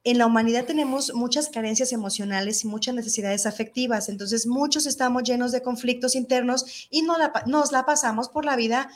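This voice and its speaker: A woman's voice: a little high, fairly quick, hardly any pauses. A middle-aged woman hosting a talk, speaking in a thoughtful, earnest way. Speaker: host. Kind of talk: reflective talk show chat.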